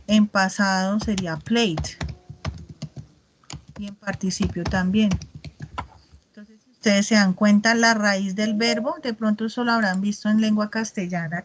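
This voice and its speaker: Woman, English teacher, video-call class, patient and explanatory, mid-pitched voice. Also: slight background noise. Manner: patient, explanatory, modeling English words slowly.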